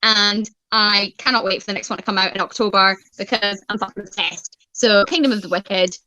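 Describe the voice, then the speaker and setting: A woman's voice: medium pitch, fairly even intonation, a little fast, sharp tone, no room sound, poor audio. A woman chatting casually about books, gushing, laughing often and swearing freely. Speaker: book club host. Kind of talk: casual book chat.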